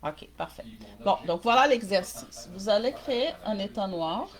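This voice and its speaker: A woman's voice: mid-range voice, expressive, normal speed. Female coach with a mixed Québécois-Brazilian accent, live-stream workshop host, direct with viewers and checking in often. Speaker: small-business coach.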